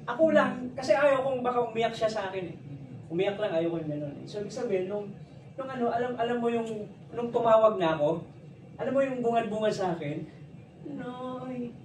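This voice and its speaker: A Filipino-accented man pitches a business opportunity in a loose, chatty storytelling way, joking as he goes. His voice sits high, and he sounds some way off from the mic. The room is echoey, with steady noise behind him. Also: fairly quick, distant mic. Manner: chatty storytelling, jokes and laughs often. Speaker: network marketing presenter. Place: presentation room.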